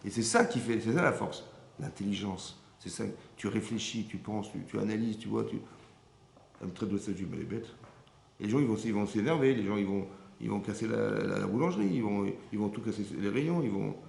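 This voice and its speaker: A man's voice: lowish voice, a little fast, gravelly, a little mellow. A man, a rabbi, giving a Torah lesson and often stopping to check that his listeners follow. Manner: keeps checking with listeners, repetitive asides. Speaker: rabbi teaching a class. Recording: echoey room with faint background hum.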